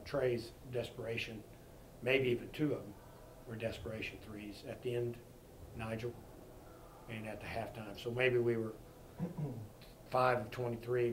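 Seated before a fixed camera and a sponsor backdrop in a press conference room, a middle-aged basketball coach speaks at a postgame presser. He sounds disappointed, talking frankly and plainly in a medium, mid-range voice while restarting and repeating words. The recording is rough, with a faint hiss underneath.

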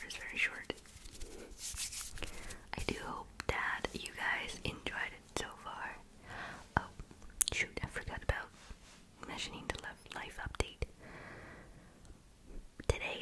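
A young woman whispering fast, casual ASMR chat softly and gently, very close to the microphone. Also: rough recording. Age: young adult. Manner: soft, unvoiced whisper, gentle rather than aggressive. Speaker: ASMR video creator. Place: small indoor room. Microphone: large foam-covered mic very close to the mouth.

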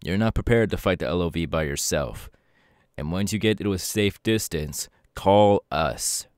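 Playing a serious young hero mentor, a man speaks low, earnestly and with measure, as if guiding a protégé he trusts. The mood is serious and trusting, his natural voice has a darkish tone, and this intimate ASMR roleplay is recorded very dry.

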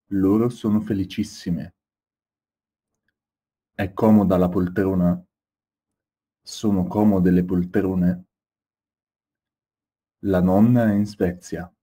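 Very slow, deep husky man reading drills. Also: dark tone. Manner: measured, isolated words with long pauses. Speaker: language teacher reading drills. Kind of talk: slow scripted word-list reading.

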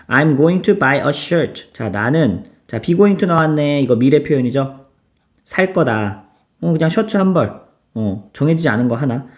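In a relaxed, chatty English grammar lecture, a man with a mid-range voice moves between casual and polite speech. He has his students repeat example sentences.

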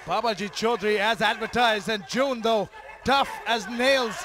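A man doing live fight commentary, excitable and full of exclamations. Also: high voice, moderate pace, over music, crowd noise.

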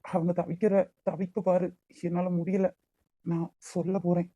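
A woman voicing a caring young man, the elder brother, in a cartoon, with a Kanyakumari Tamil accent and a gentle, consoling manner. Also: lowish voice, flat delivery, moderate pace, close to an everyday voice. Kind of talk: cartoon voice acting.

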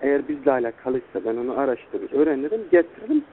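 A man's voice: medium pitch, sing-song, very fast, slight background noise. A young man, a student, speaking informally and deferentially to someone he treats as an older friend on a phone call. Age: young adult. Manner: deferential, repeatedly addressing the listener as older brother. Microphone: telephone. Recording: tinny, band-limited recorded phone call.

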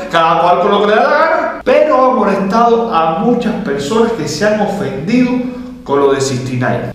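A man in his thirties with a Cuban Spanish accent, hosting a casual meme commentary to camera, animated, gesturing and mocking. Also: high voice. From Cuba. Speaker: host of a meme commentary channel. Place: small indoor room with neon lights. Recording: very echoey small room.

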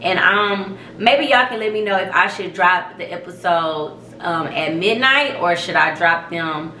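A young woman hosting her own vlog, telling a story in a profane, emphatic, animated way. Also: lowish voice, a little slow, reverberant, slight background noise. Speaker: vlog host. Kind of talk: casual storytelling rant.

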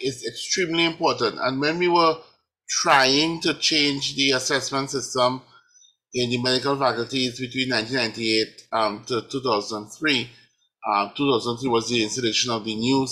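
A male professor speaking on an academic panel over a video call, measured and often restarting his phrases. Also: mid-range voice, bright, forceful tone, poor audio. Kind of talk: panel discussion.

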